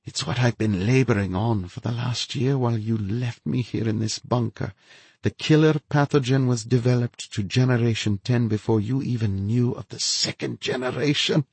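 A man voicing a feverish, unhinged woman scientist who gloats in a high, breathy, lilting voice. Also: normal speed, a little mellow, dry recording. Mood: gloating.

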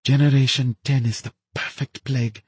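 A man voicing a feverish, unhinged woman scientist who gloats in a high, breathy, lilting voice. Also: flat delivery, moderate pace, no room sound. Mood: gloating.

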